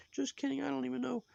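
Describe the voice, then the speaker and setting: A high, reedy sock puppet with a crackly, gravelly edge lectures on and on, moralizing in a judgmental ramble. The sound is dry and close, with no room around it. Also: male voice, a bit bright, no echo, exaggerated voice. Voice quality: high put-on voice.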